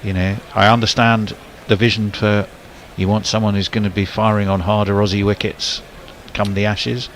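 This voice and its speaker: A man's voice: lowish voice, level tone, normal speed, hardly any pauses, fairly bright tone, a little hiss or hum. A man doing casual ball-by-ball cricket commentary, rambling with fillers and restarts.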